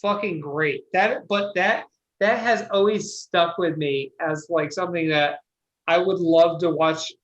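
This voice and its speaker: An enthusiastic podcast panelist rambles through a retelling and swears freely. The voice sits at a middling pitch, and the audio is a bit muffled. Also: measured pace. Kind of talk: casual chat.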